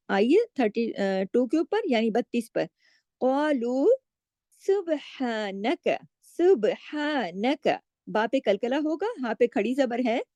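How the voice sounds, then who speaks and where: A woman teaching Quran recitation rules, reciting slowly and drawn out, then explaining step by step and asking her students questions. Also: fairly high pitch, dark tone, dry recording. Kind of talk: tajweed lesson with slow recitation.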